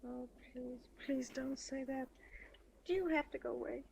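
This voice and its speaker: A woman's voice: high voice, moderate pace, creaky, a little mellow, slight background noise. An American actress playing a melodramatic, guilt-ridden young woman in plaintive, theatrical 1930s screwball comedy film banter. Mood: subdued, touched.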